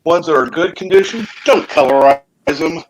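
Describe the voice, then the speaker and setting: A man's voice: fairly high pitch, expressive, normal speed, crowd noise, poor audio. A man hosting a casual talk show, giving his opinions in an informal way. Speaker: talk show host reading chat comments.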